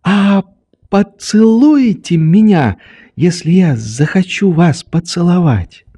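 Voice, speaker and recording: A man's voice: high voice, animated, slow pace, dark tone, breathy edge, pitched above the performer's own voice, exaggerated voice. A man voicing a mischievous, capricious sick young girl who teases and plays in an audiobook. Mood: teasing. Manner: teasing, playful. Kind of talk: audiobook character reading.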